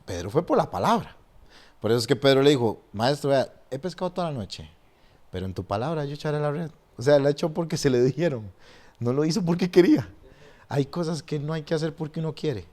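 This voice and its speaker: Male pastor, mid-pitched voice, animated testimony and preaching, talks in bursts. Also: a little fast. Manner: lively, restarts sentences often, acts out quoted voices. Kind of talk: animated storytelling and preaching in a podcast conversation.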